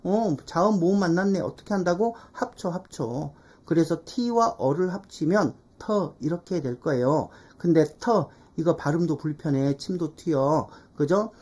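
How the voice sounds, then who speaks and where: A woman teaching English pronunciation in an online lesson, explaining step by step, checking in with rhetorical questions and slowly repeating drill phrases. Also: lowish voice, expressive, dark tone.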